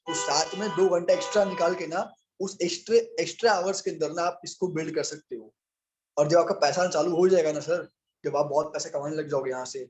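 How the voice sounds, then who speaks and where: A young man with a fairly high voice coaches his listeners through handling objections. He talks straight to them, often calling them "sir", and acts out both sides of the talk. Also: slight background noise. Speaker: business trainer.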